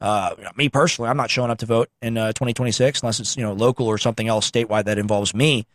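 A man's voice: medium pitch, fairly even intonation, racing, no echo, clean studio sound. A man hosting a call-in show, giving emphatic, informal, opinionated political commentary.

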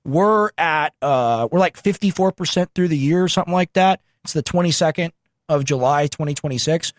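A man with a slightly high voice hosts a political call-in show. He talks informally and emphatically, pushing his opinions, in a dry, close recording. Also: a little fast, dry recording. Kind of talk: political talk show commentary.

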